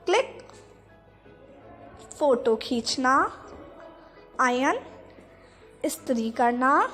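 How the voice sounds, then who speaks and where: A woman school teacher, giving a vocabulary lesson to children, repeating each word and its meaning, asking questions and answering them herself, and spelling words out slowly. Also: high voice, in a large hall. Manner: addresses the class as children.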